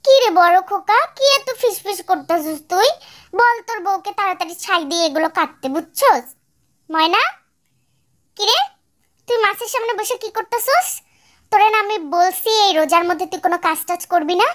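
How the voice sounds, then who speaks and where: A woman's voice: extremely high pitch, animated, moderate pace. A woman putting on a harsh, bossy older mother-in-law. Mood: scolding. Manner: harsh, nagging, abusive scolding. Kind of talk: fan-dub radio drama.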